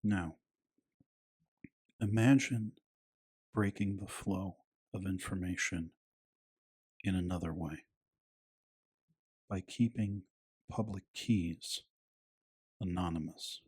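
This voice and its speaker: Low, slow, hushed man, breathy ASMR narration. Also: steady tone. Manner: hushed, soothing, unhurried. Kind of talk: soft-spoken ASMR bedtime narration of a scripted text.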